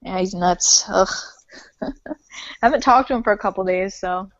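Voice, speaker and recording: A woman hosting a loose, casual chat, wandering through her thoughts and leaning on "like" at every turn. Her voice sits at an ordinary middle pitch. It is recorded dry, with a dull lo-fi sound. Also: normal speed, no echo. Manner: rambling, says "like" often, self-conscious. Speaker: host.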